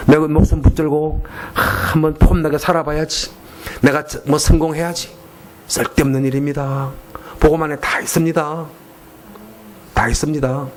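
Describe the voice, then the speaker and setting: In a church sanctuary, a missionary preacher with a Gyeongsang Korean accent and a mid-range voice delivers an emphatic, repetitive sermon. He sometimes switches into slow, deliberate English.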